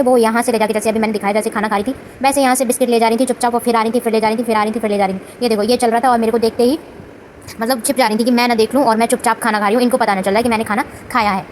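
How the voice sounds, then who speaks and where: A woman's voice: fairly high pitch, a little mellow, a little hiss or hum, rough recording. A woman who runs a small beauty salon, chatting casually in her vlog and mixing English words into her talk. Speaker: salon owner and vlogger.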